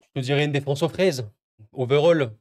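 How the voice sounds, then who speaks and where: Man, somewhat high voice, football reaction vlogger; agitated, stammers, emotional asides to the viewers. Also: moderate pace, darkish tone. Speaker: football YouTuber. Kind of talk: excited football reaction vlog.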